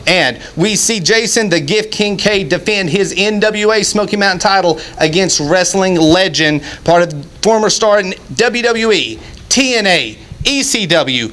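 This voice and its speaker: Male TV wrestling host, high voice, upbeat and promotional, chatty between introductions. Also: animated, measured pace, fairly bright tone. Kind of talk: scripted show opening with casual banter.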